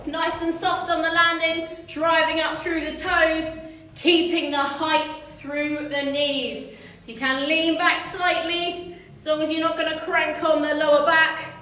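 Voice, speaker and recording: Female HIIT instructor, heard at a distance in a reverberant room. Slow, measured delivery of counts and cues, pushing the class on. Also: sits high, flat delivery, sharp tone. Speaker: fitness instructor. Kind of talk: live-streamed HIIT workout coaching. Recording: echoey room, distant microphone.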